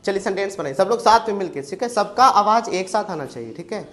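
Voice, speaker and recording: An Indian man teaching spoken English in a classroom, drilling students with quick questions. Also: high voice, animated, fairly bright tone.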